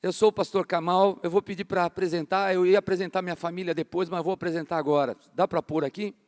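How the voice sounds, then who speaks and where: High-pitched, steady, and fast, a man in his fifties from Brazil delivers a passionate, casual sermon and often says "cara." He's a pastor in a big church hall, where the sound has long reverb.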